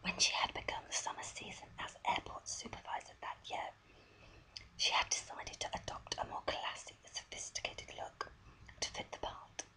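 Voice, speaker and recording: Soft, breathy ASMR whisper reading a story. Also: rough recording. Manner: soft, deliberate story reading with small stumbles.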